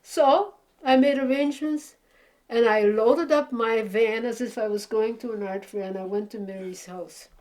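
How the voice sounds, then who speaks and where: A Belgian woman in her eighties tells rambling, chatty stories about her painting in a casual interview, animated as she goes. Her voice is on the high side at normal speed, and the recording is rough.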